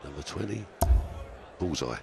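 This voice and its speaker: A man giving live darts commentary in a gravelly voice, with terse running calls of each target. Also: a bass voice, expressive, unhurried. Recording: music and loud crowd noise. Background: music and loud crowd.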